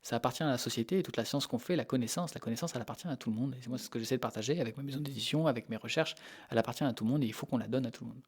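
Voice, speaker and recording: Here the Normandy animal behaviour researcher, whose first language is French, talks quickly in a medium-pitched, slightly rough voice. As an interview guest he answers informally, stumbling over and repeating words while he explains.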